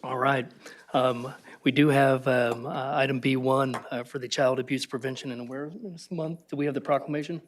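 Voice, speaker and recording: Hoarse man chairing a council meeting. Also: mid-range voice, steady tone. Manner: informal, halting, with fillers and laughs. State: losing his voice. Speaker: presiding council member (mayor pro tem).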